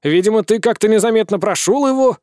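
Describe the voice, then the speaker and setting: A man doing a high eager demon servant. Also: fast talker, darkish tone, clean tone, no room sound, studio quality, natural voice. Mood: excited. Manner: eager, storytelling, fawning. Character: chatty excitable male demon servant.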